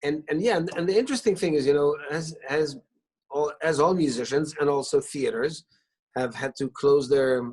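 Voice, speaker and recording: Telling warm stories from his living room via video call, a singer-songwriter guest hesitates, restarts and uses fillers a lot. He is middle-aged, Israeli-born, a native Hebrew speaker, and his voice sits on the high side with a breathy edge at normal speed.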